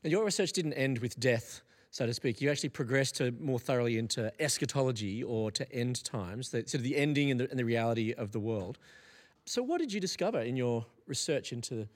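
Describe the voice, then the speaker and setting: Male interviewer asking measured questions. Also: mid-range voice, expressive. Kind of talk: podcast interview.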